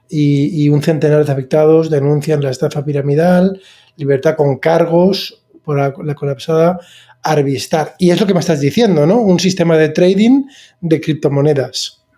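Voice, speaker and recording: Male podcast host, slightly high, mellow tone, rambling and hesitant delivery. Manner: chatty, hesitant, many fillers and restarts. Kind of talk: casual podcast chat.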